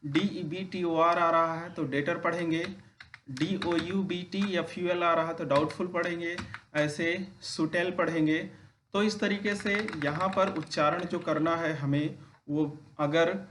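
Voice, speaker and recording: A man teaching pronunciation in a slow, unhurried classroom manner, spelling out each word letter by letter. His voice sits a little high for a man. Faint hiss runs under the recording, with keyboard clicks behind him. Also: fairly bright tone. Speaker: English teacher. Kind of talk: classroom-style lesson.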